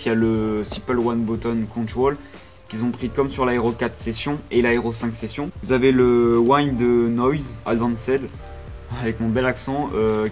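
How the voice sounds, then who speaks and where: A young man talking casually through an unboxing on his vlog, chatty and full of fillers, breaking into excited outbursts now and then. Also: medium pitch. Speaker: vlogger.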